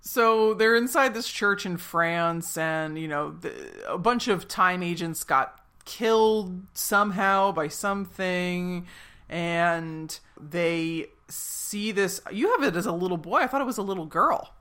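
A woman's voice: on the low side, unhurried, a bit bright, clean tone. A woman podcast co-host in casual chat, animatedly retelling a TV episode with frequent giggles and fillers.

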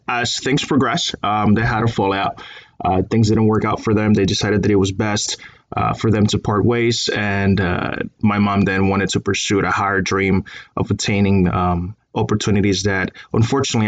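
A man in his thirties from Colombia, talking in a measured interview with many fillers. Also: lowish voice, level tone. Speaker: guest. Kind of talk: conversational interview.

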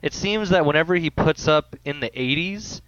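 A man's voice: a little high, animated, a bit bright, clean tone, no room sound. An American man co-hosting a casual podcast over a remote call. His voice sounds tinny and metallic, as if from a tin can, and he stumbles and restarts his sentences. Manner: quick, stammering restarts. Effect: tinny, metallic tin-can mic sound. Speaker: fill-in podcast co-host. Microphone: home mic on a remote call. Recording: dull lo-fi remote mic.

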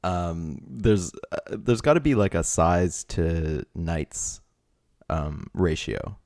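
Gravelly, giggly low-voiced man. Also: takes it slowly, a little mellow, no room sound, clean studio sound. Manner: giggly, rambling, full of fillers. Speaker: podcast co-host. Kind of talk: casual comedic chat.

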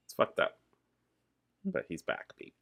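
A man co-hosting a podcast in casual chat, with an animated, exclamatory way of talking. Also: moderate pace. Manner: animated, exclamatory, swears freely. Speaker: podcast co-host. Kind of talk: casual pop culture chat.

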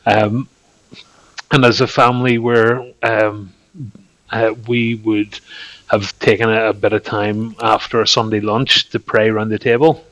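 A man with a Northern Irish accent chatting casually as a podcast host, telling anecdotes in a hesitant, halting way. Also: fairly low pitch, level tone, a bit bright, no room sound, dull audio.

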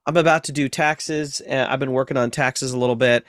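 A man's voice: mid-range voice, fairly even intonation, fairly quick, no echo, clean studio sound. A man who is a seminary professor, a guest on a podcast, explaining ideas patiently with everyday comparisons. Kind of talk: explanatory interview talk.

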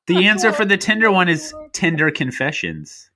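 Male panelist, deadpan one-liners, slightly high voice with a lively pitch. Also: normal speed. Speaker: comedy podcast panelist. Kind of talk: casual comedy podcast banter.

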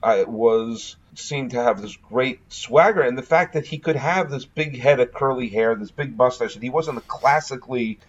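A man's voice: medium pitch, normal speed, few pauses, dull audio. A man from New England with a Northeastern US accent, chatting enthusiastically about films on a podcast with many restarts. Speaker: podcast co-host. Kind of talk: casual film discussion.

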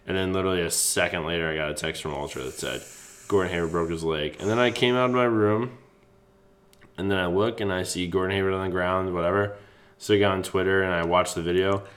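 A young man with a very low, deep voice co-hosts a casual sports talk show. He talks in a lively, rambling way and swears freely. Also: fast. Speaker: podcast co-host.

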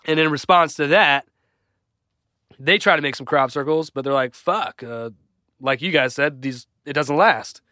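A man co-hosting a casual podcast, tossing out excitable speculative ideas and swearing casually. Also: a little high, normal speed, no echo, clean studio sound. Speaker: podcast co-host.

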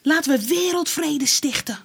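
Cartoon kid, bossy triplet voiced by a woman, high and lively, dramatic squeals. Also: moderate pace, gravelly, full character voice. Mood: excitable. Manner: squealing, exaggerated pleading. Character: bossy young child triplet, dramatic and excitable. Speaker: Sap.

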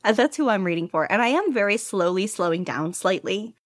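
Being interviewed about her podfic narration, a woman rambles in a casual, animated way, making light of herself and laughing easily. Her medium-pitched voice is captured dry, at studio quality.

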